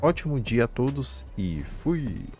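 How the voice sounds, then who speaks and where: In this informal screen-share tutorial, a very animated man with a medium-pitched voice and a Brazilian Portuguese accent explains a game step by step at a measured pace, using colloquial verbal tags as he comments live. A little hiss or hum sits under the audio.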